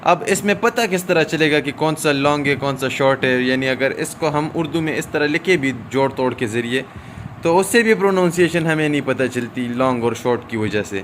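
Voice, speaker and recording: A man's voice: fairly high pitch, a bit bright, a little hiss or hum. Man teaching a shorthand lesson. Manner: explains step by step, often checks with "okay?" and stretches out "aa" fillers. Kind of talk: recorded lesson.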